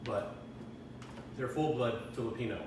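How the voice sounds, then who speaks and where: A middle-aged man tells his life story in a relaxed interview, doubling back and restarting often. He is heard from a little way off in a very echoey room, with noticeable background noise. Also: medium pitch, a little slow, distant mic. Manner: rambling, restarts often, chuckles now and then. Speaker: interview guest. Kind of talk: casual personal storytelling interview.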